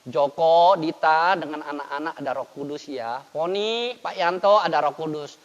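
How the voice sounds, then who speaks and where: Older male pastor, high voice, lively sermon delivery; dull lo-fi recording with long church reverb. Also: normal speed. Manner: lively preaching with dramatic swings in loudness.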